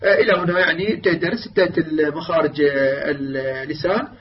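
High-voiced man teaching tajweed. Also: steady tone. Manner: explains with many filler sounds, then slowly demonstrates recited words. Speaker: Quran recitation teacher. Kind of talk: tajweed lesson. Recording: distant mic, dull lo-fi sound.

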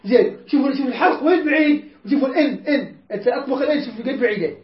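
In a roomy, dull lo-fi recording, a man with an extremely high, rapid-fire voice teaches the rules of Quran recitation. This tajweed lesson runs on call-and-response drills as he patiently repeats points and quizzes his students.

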